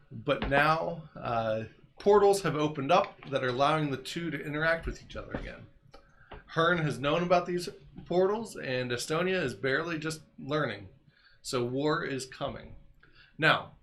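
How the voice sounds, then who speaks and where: Man, dungeon master, bright voice, slightly high, explaining the game world, faint background noise. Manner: relaxed, explanatory, with fillers. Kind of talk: casual stream introduction.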